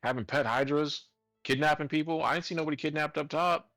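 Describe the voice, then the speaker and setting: Blunt, skeptical tabletop player. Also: male voice, a little high, fairly even intonation, quick pace, a bit bright, no room sound, faint music behind. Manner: blunt, skeptical, swears casually. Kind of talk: casual tabletop chat.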